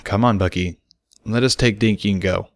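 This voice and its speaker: A man doing a calm, soothing pegasus stallion. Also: lowish voice, moderate pace, no echo, lightly acted. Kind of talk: audiobook reading of a fan story.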